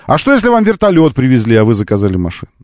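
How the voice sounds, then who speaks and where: Guy hosting a call-in radio show, pushy and argumentative, voice swings all over, higher side, dry studio sound. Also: wildly swooping pitch, racing, darkish tone, no echo. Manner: argumentative, insistent, repeats phrases for emphasis. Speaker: radio talk show host. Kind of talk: live call-in radio talk.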